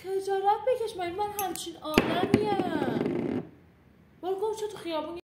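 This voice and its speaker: Woman, very high voice, indignant and demanding, echoey room, steady noise behind. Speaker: hidden camera prank target. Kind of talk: casual argument.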